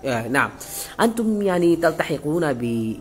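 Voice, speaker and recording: A man from Bangladesh, a visiting sheikh urging students in a classroom lecture, quizzing them with repeated questions and halting often to restart. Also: fairly high pitch, sing-song, faint music behind. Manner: halting, many pauses and restarts.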